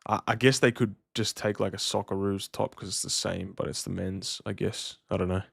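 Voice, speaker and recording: A man's voice: sits low, steady tone, normal speed, vocal fry, husky, no echo, clean studio sound. A man, chatting casually to livestream viewers in a slangy, matey way. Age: 30s. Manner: laid-back slangy, matey address. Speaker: livestream host.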